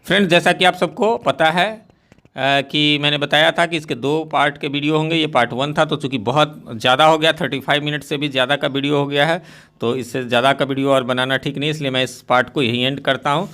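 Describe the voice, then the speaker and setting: Bright-voiced Indian English teacher. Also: male voice, a little high, fairly even intonation, a little fast. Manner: explains line by line, mixing Hindi and English. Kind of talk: classroom lesson explaining a play.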